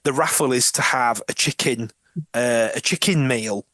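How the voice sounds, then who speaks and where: A man co-hosting a podcast, retelling TV scenes in casual chat, animated, laughing often and restarting his sentences. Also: mid-range voice, normal speed, no echo, studio quality. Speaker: podcast co-host.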